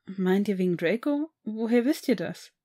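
A woman's voice: mid-range voice, animated, normal speed, dark tone, lightly acted. A woman reading the lines of a shy sixteen-year-old boy who gets flustered easily and talks hesitantly.

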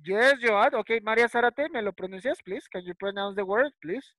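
This primary school English teacher has a high voice with a bright, forceful tone and talks at normal speed, teaching first graders by video call in a Spanish-English mix. He repeats words patiently and closes lines with short checks such as ¿cierto? and ¿listo?. The audio is dry and low in quality.

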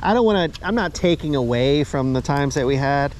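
A man hosting a fishing trip on a small boat, chatting casually, excitable and swearing freely. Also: fairly high pitch, fairly quick. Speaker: angler host. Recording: outdoor boat and water noise.

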